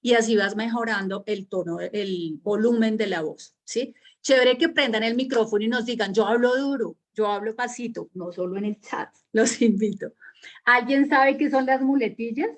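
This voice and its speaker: A woman's voice: a little high, moderate pace. A woman with a Colombian accent teaching an online public speaking workshop over a video call, conversational and encouraging, with many fillers. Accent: Colombian Spanish.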